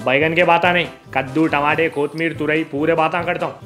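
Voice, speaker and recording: A man's voice: a little high, steady tone, a little fast, fairly bright tone, faint music behind, lightly acted. A young man playing a cheeky, smart-mouthed college student with a Hyderabadi accent in a comedy sketch. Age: young adult. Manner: insolent back-talk, repeating himself.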